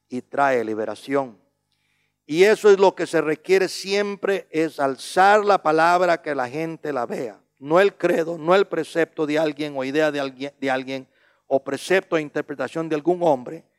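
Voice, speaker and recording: A male preacher giving a sermon, who keeps asking "¿ve?", slows down on key words and swings between loud emphatic lines and quiet low asides. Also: clean tone. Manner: repeats a questioning "¿ve?" between points.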